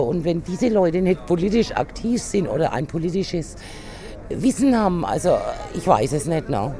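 A woman from a union migration committee, speaking emphatically in an interview clip and pausing to search for words. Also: fairly low pitch, dark tone.

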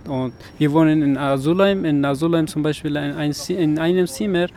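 A man's voice: a little high, steady tone, a little fast, darkish tone. A man from Afghanistan, a protester speaking hesitant, broken German with many fillers. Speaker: asylum-seeking protester. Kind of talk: street interview. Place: outdoors in a city street. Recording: faint traffic noise outdoors.

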